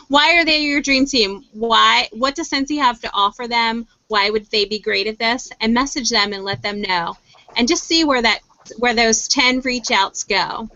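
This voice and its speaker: A woman's voice: on the high side, measured pace, bright, forceful tone, no room sound, muffled recording. A woman hosting a round table chat, upbeat and encouraging listeners to act. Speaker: host.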